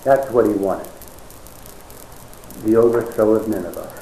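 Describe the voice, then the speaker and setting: Male preacher, wry and conversational, mellow voice, roomy echo, dramatic pauses. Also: lowish voice, a little hiss or hum. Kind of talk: sermon.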